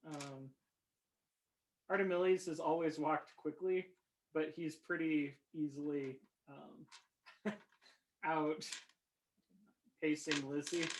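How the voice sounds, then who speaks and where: A game master narrating a tabletop game, pausing often with ums and small laughs. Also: medium pitch, steady tone, slight background noise, poor audio. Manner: slow, halting, many ums and laughs.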